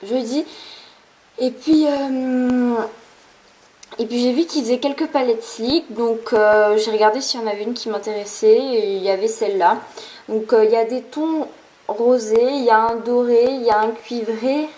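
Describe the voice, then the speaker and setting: A woman's voice: on the high side, fairly even intonation, moderate pace, mellow, poor audio. A young woman chatting through a beauty haul in a casual vlog, rambling with lots of fillers and restarts. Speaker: beauty vlogger.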